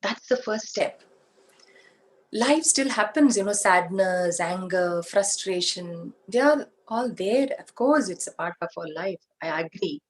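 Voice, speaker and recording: Slow-speaking Indian woman teacher. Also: mid-range voice, lively intonation, poor audio. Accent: Indian English. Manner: slow, explaining with examples and rhetorical questions. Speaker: spiritual teacher. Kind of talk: spiritual talk.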